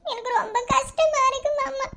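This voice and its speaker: An actress playing a loving young village wife who speaks heartfelt words in Madurai Tamil in a cartoon. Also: female voice, extremely high pitch, a little fast, gravelly, pushed and bright, faint music behind, heavily acted. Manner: emotional, heartfelt. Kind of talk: cartoon voice acting.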